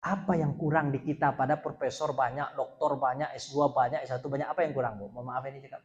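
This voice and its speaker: A man's voice: mid-range voice, steady tone, quick pace, highs cut off. A man giving an informal religious lecture to a group of women, chatty and often asking them questions. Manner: chatty, asks the audience questions, acts out stories. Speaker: Islamic preacher.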